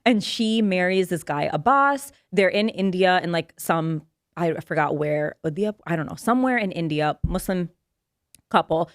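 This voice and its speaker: A young woman co-hosting a podcast, retelling a story in a lively, rambling way and swearing freely, recorded in a studio. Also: lowish voice, moderate pace, no room sound. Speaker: podcast co-host. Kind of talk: casual chat.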